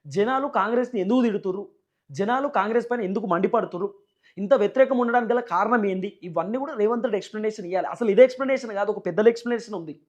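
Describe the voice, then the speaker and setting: A high-pitched man with a Telangana Telugu accent hosts a channel of political news commentary. He keeps repeating his points with emphasis and poses many rhetorical questions.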